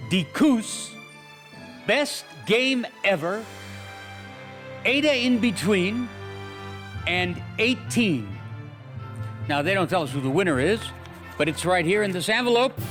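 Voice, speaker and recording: A man from Los Angeles presents film awards in a high voice at an unhurried pace. He mixes nominee lists with joking asides. Music plays behind him.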